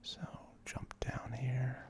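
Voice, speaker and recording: A man in his thirties hosts an ASMR let's play from his apartment, whispering video game commentary in a hesitant, self-deprecating and rambling manner. His voice is a little mellow and slow-paced.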